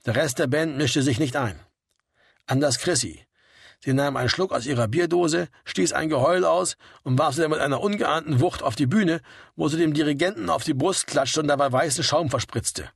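A man reading a story aloud in a steady, wry narrating manner. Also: fairly high pitch, normal speed, vocal fry, husky, no room sound, studio quality. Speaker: audiobook reader. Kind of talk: scripted narration.

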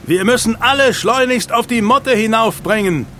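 A man doing a stubborn leader shouting through a storm. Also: fairly high pitch, expressive, unhurried, a little hiss or hum, pitched above the performer's own voice. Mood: shouting commands. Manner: shouting commands over the storm. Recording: music bed underneath.

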